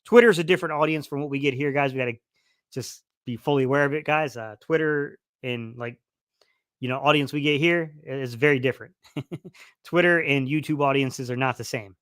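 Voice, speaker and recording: With a mid-range voice, brisk delivery and a fairly bright tone, a man speaks on a studio-quality recording with no room sound. He's a sports livestream host doing casual football talk and reading chat, rambling with many fillers and restarts as his voice fades a bit.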